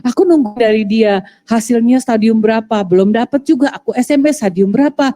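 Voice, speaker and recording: Woman, emotional testimony, halting delivery, highish mellow voice. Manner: halting, many fillers and restarts. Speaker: guest sharing testimony.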